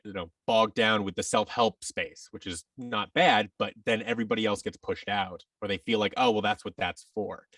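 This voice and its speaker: His voice is medium-pitched and fairly bright, recorded dry and far from the mic. As a podcast guest who produces audio dramas, he rambles enthusiastically through explanations in a conversational interview, voicing imagined quotes.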